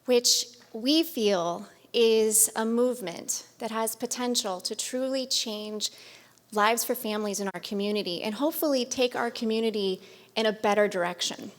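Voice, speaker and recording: A woman's voice: on the high side, normal speed. A woman from California giving an earnest, upbeat talk as guest speaker at a community event. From Modesto, California. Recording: long reverb of a large hall.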